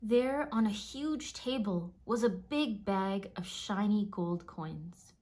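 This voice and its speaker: In a mid-range voice, a woman narrates a children's storybook with a measured, expressive storytelling delivery.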